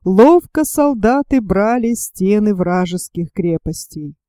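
Slow, dark-voiced woman storyteller. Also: mid-range voice, animated, no echo, clean studio sound. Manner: slow, deliberate telling. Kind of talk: storybook narration.

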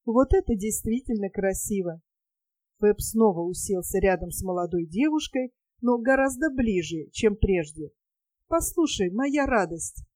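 A woman reading a novel aloud as an audiobook narrator, in an even, measured storytelling manner. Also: medium pitch, no room sound.

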